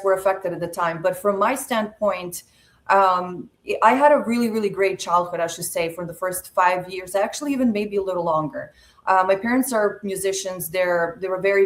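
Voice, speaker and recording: A woman in her forties from Serbia, a podcast guest telling her life story in a measured, reflective way with frequent pauses. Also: medium pitch. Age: 40s. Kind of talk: personal storytelling interview.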